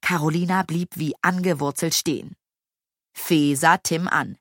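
Woman narrator, children's storybook, slow and expressive, dry close sound. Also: deep voice, no room sound. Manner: expressive, acting out characters.

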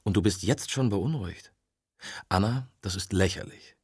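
Man reading gruff, curt police detective. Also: lowish voice, normal speed, no echo, clean studio sound. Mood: brusque. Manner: curt, grumbling. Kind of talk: audiobook dialogue.

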